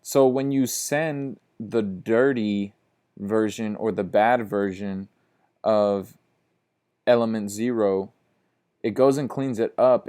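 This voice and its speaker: Man, instructor, casual code walkthrough, sleepy, slow delivery. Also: lowish voice, dark tone. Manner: casual, talks to viewers as guys, repeats steps slowly. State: sleepy, yawning. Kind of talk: walking through code in a screencast lecture.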